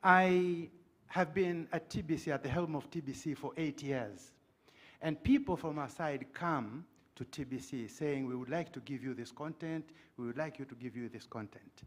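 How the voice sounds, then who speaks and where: A middle-aged man speaks up from the floor of a conference, making his case with a short story before his question. His voice sits a bit high for a man, and his manner is earnest and pointed. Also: normal speed. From Tanzania. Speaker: audience member asking a question.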